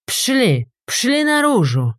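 A woman voicing a drunken, belligerent male demon posing as a worker, loud and slurring. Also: very high voice, huge pitch swings, drawn-out words, dry recording, clean studio sound, pitched above the performer's own voice, full character voice.

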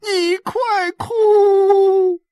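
A woman voicing a desperate village woman who begs and weeps, with drawn-out wailing pleas. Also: very high voice, fairly even intonation, warm tone, dry recording, clean studio sound, voice pushed up, exaggerated voice. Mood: tearful pleading.

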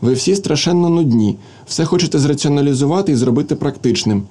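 A man reading the part of a lively young woman who playfully orders her guests about, in exclaiming tones. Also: fairly high pitch, quick pace, close to an everyday voice. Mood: teasing. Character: lively young hostess, teasing and bossy.

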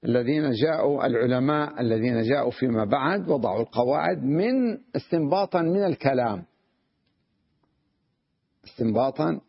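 Husky man teaching Arabic grammar. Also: mid-range voice, animated, no echo, dull audio. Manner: explains patiently, checks understanding with repeated questions; sounds out wrong word forms slowly to contrast them. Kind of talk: classroom grammar lesson.

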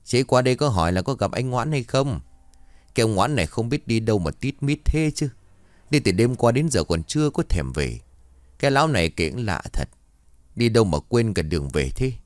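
A man playing a gruff old villager who grumbles and scolds in coarse, blunt speech. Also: mid-range voice, sing-song, a little fast, no room sound, close to an everyday voice. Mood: grumbling. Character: grumpy old village man, easily startled.

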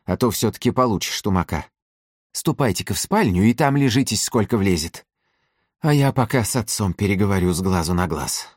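A man reading an audiobook, voicing a fierce old working-class mother who shouts and scolds. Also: fairly low pitch, expressive, a little fast, no echo, studio quality, voice pushed up. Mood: gruff.

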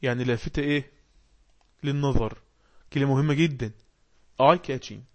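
A man with an Egyptian accent teaching an English class online, explaining words and quizzing the class with quick questions. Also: mid-range voice, a little mellow. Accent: Egyptian Arabic. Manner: reads English passages slowly.

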